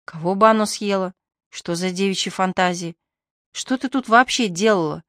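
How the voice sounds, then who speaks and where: Woman doing a gruff, grumpy police inspector. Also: mid-range voice, normal speed, fairly bright tone, no echo, studio quality, natural voice. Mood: grumbling. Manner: gruff, hoarse hissing. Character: grumpy middle-aged male senior police inspector.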